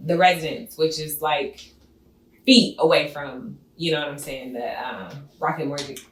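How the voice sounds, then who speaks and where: A woman in her thirties from Ohio, appearing as an entrepreneur guest in an interview, chats casually in a low-pitched voice at a measured pace. She has a conversational style and says "you know what I'm saying." The recording sounds roomy, with the mic slightly distant.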